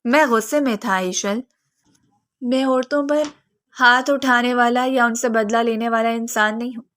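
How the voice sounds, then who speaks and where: A curt, scolding young mafia heir from a spoken romance novel, read by a woman. The lines come out bossy and clipped, in a slightly high voice. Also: steady tone, a bit bright, lightly acted. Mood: low, earnest. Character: brusque young male mafia heir, gruff.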